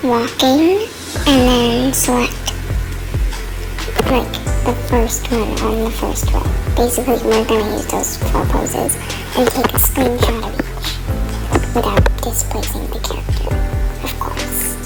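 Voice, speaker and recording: A woman disguised by a voice changer talks high and rough with a gravelly fry. She drifts slowly through a casual step-by-step tutorial, leaning on "like" and "and then". Music plays clearly underneath. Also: steady tone, low-quality recording. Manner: rambling, lots of "like" and "and then". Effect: voice changer disguising the real voice. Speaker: tutorial maker.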